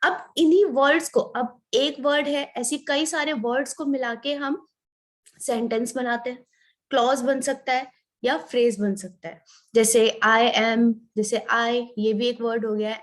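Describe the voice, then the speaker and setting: A woman teacher gives an English lesson. Her voice is high and her pace is slow and unhurried. She explains patiently and repeats each sound so students can follow. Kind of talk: online English lesson in Hindi.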